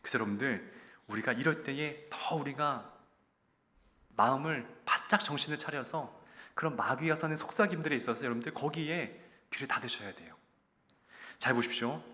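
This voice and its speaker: A man's voice: mid-range voice, moderate pace, long pauses, pushed and bright. A male pastor preaching a sermon in a church sanctuary, earnestly exhorting and often addressing the congregation directly. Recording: long church-hall reverb.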